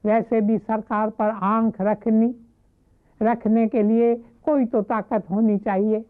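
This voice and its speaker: A woman giving a devotional talk, retelling a story in a measured, reverent way. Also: a little high, level tone, soft background music. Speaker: spiritual speaker. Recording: narrow phone-like lo-fi audio.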